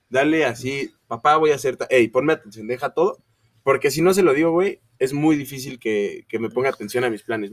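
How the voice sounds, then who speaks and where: Sitting far from the mic, a medium-pitched young man with a Mexican Spanish accent co-hosts a laid-back podcast chat. Slangy and animated, he impersonates his parents' voices as he relays what they say.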